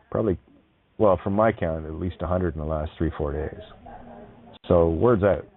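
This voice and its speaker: A male show host reading listener emails aloud in a casual, halting way, full of fillers and frequent chuckles. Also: sits low. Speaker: online radio show host. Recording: tinny phone-like line, dry.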